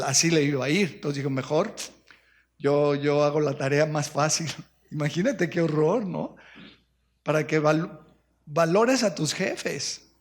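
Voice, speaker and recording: A man's voice: fairly high pitch, creaky. A man preaching a sermon in a church, emphatic and full of rhetorical questions. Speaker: pastor. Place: church sanctuary.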